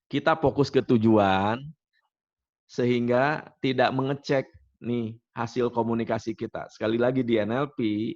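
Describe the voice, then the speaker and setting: A man of middle pitch leads a training workshop in a gravelly voice. He talks in a chatty way, mixes in personal stories and keeps asking the group questions. The sound is dull and lo-fi. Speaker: NLP trainer. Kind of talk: workshop teaching.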